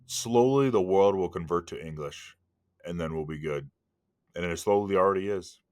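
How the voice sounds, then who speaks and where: Podcast co-host, man in his thirties, very deep voice, dry close sound, relaxed deadpan humor. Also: moderate pace, dry recording. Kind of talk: casual chat.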